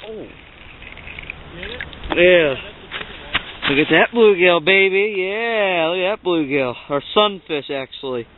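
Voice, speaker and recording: A young man from Ohio vlogs an ice fishing trip and shares gear tips, rambling upbeat in a high, animated voice, though slowly and with long pauses. It's shot on a handheld camera mic, so the audio is lo-fi and phone-like, with a noisy background.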